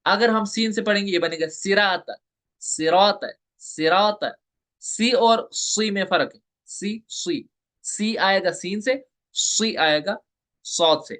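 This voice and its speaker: A man giving an online tajweed lesson, explaining step by step and slowly repeating the letter sounds for his students. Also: high-pitched, bright, forceful tone. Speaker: Quran recitation teacher.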